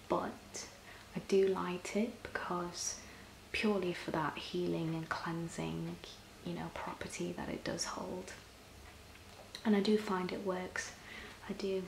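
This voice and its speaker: A woman in an ASMR role-play as a personal shopper, soft-spoken and often breathy, explaining things gently and a little hesitantly. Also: on the low side, steady tone, a little slow. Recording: roomy echo, clear background noise.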